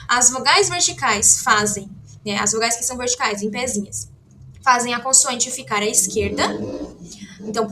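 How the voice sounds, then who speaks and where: A woman gives a relaxed online language lesson in a fairly high, bright voice. She explains as she writes, often pausing to check that her students are following. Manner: chatty, frequent "né?" and "tá?" check-ins; explains while writing on a board. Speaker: Korean language teacher.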